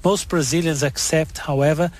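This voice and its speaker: Slightly high-pitched male news correspondent. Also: steady tone, normal speed. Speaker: foreign correspondent. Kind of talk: scripted news report.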